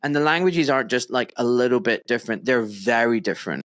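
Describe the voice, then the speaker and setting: Talking fast and animatedly, this podcast host has a mid-range voice with a fairly bright tone. Over a remote call he keeps the interview chat casual, mixing in friendly slang and laughter.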